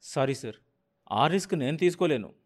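A jittery young news editor pleads with his boss in a high, strained voice, as an audiobook narrator puts him on. He sounds anxious and ready to back down. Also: lively intonation, brisk. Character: nervous young male news desk editor.

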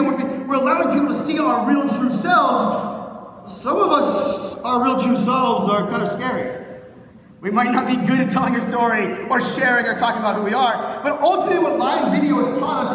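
A man in his thirties from Pittsburgh delivers a fast, punchy keynote to a conference crowd, and his voice sits very high. He was caught on a phone from across the stage, so he sounds distant. A long, booming reverb from the big hall trails his words, over a faint hiss. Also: fairly bright tone. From Pittsburgh, Pennsylvania, USA. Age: 30s. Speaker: keynote speaker. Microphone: phone recording from the stage.

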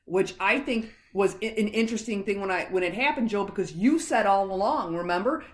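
A woman's voice: mid-range voice, roomy sound. A woman co-hosting a casual sports podcast, chatty, interrupting herself and laughing easily. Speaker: podcast co-host.

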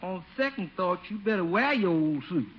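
Actress as shrewd, motherly maid; homespun dialect; lively pitch; faint hiss of old broadcast. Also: normal speed, muffled recording, natural voice. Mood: coaxing. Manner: folksy dialect speech, coaxing questions. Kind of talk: 1950s radio sitcom acting. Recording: hissy old radio broadcast recording.

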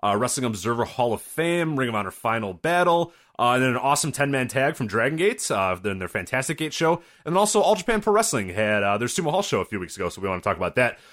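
Fast-talking, animated male podcast host. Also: medium pitch. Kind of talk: casual banter.

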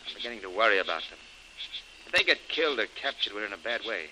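A man's voice: fairly low pitch, sing-song, quick pace, sharp tone, a little hiss or hum, full character voice, poor audio. An actor playing a brave male adventurer leading an escape in a 1930s radio drama. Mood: urgent.

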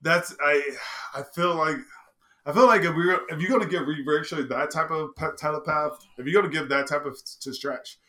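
Male podcast host, bright forward tone, hesitant speaker who restarts often. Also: fairly high pitch, normal speed. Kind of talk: casual chat.

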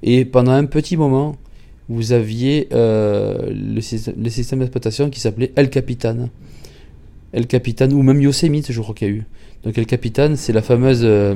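Halting French travel vlogger, dark voice. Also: male voice, mid-range voice. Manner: halting, many restarts and repeated words. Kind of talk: casual travel recap.

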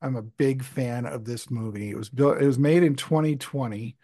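A man's voice: mid-range voice, normal speed, mellow, dry recording, clean studio sound. A man co-hosting a podcast in casual chat, joking and rambling, often laughing. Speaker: podcast co-host.

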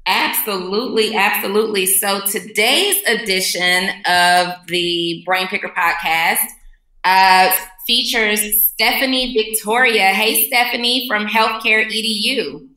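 A woman's voice: medium pitch, measured pace, sharp tone. Woman co-host with an echoey call sound. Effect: echoey sound over an online call. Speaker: podcast co-host. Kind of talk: casual live podcast chat. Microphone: computer mic on a video call.

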